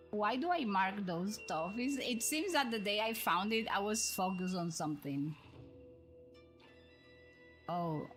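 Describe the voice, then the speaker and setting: Recorded with poor audio, this woman's voice sits at medium pitch with a bit of brightness. As a livestream host she plays a game and offers casual, rambling, think-aloud commentary over background music.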